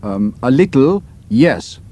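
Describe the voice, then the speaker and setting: A man's voice: medium pitch, very animated, slow, mellow, slight background noise, voice pushed up. A man voicing a captured British pilot who answers in a put-on German accent, guarded and clipped.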